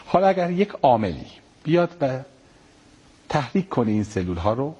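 A middle-aged man, a pediatric neurosurgeon, answering interview questions politely and explaining calmly with everyday comparisons. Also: mid-range voice, breathy edge, dull audio.

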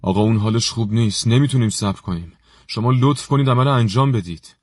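A man's voice: medium pitch, no room sound, studio quality, lightly acted. A man voicing a desperate young soldier pleading for his sick mother, his voice trembling and rising into cries. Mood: urgent pleading. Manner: trembling, pleading, breaks into shouting.

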